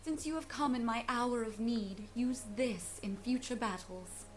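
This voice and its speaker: A woman's voice: on the high side, unhurried, music in the background, natural voice. A woman voicing a gracious, grave fairy lady guardian who speaks formally and earnestly in a video game. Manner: formal, earnest storybook delivery. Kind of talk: scripted video game dialogue.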